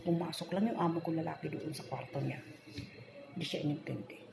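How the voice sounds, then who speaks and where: A woman's voice: sits low, a little fast, creaky, echoey room, over music. A middle-aged woman working as a domestic helper, telling an aggrieved story about a coworker in a venting monologue.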